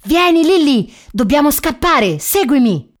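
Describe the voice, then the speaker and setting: A woman's voice: mid-range voice, big pitch swings, measured pace. Lady reading as a cheery tramp boy dog, easygoing and reassuring, storybook voice. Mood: friendly. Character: friendly male stray dog, cheerful and bold.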